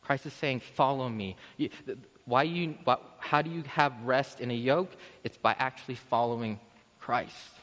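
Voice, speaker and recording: In a church sanctuary, a man with a medium, fairly bright voice delivers a sermon at a moderate pace into a podium microphone. His manner is conversational and self-interrupting, swelling into emphatic high points, all wrapped in long reverb.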